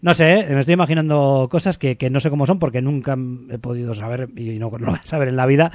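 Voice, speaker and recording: Brief Man, radio music host, quick rambling chat, dry close sound. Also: mid-range voice, no room sound. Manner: rambling, thinks aloud, hedging. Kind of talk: casual chat.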